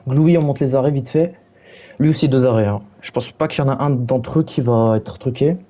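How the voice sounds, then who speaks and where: A man's voice: medium pitch, a little fast, dark tone. A young man streaming, reviewing match stats while mockingly taunting his chat in brash slang.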